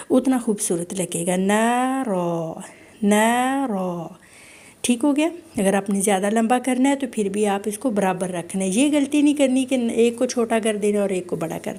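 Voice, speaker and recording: Woman tajweed teacher, slightly high voice, patient and instructive, repeats sounds slowly. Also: mellow. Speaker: Quran recitation teacher. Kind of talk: online tajweed lesson.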